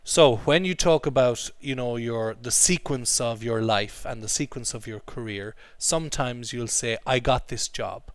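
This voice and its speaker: A man leads an English lesson, explaining words and having the class repeat phrases after him. His voice is mid-pitched, and the recording sounds dry and close. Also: a little slow, few pauses, dry recording. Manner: drills pronunciation, repeating phrases for students. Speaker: English teacher.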